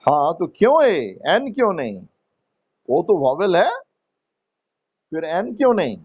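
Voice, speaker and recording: A man with an Indian accent teaching English grammar in a classroom, slowly coaxing students to answer and explaining rules in Hindi mixed with English terms. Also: sits high, big pitch swings, husky, muffled recording. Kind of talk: classroom lesson.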